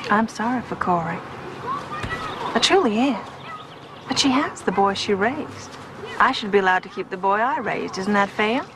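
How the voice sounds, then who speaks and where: A woman's voice: mid-range voice, lively intonation, normal speed, pauses often, noisy background, natural voice. A woman acting in a TV drama as a guarded, possessive mother who is defensive about her boy. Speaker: actor in a TV film.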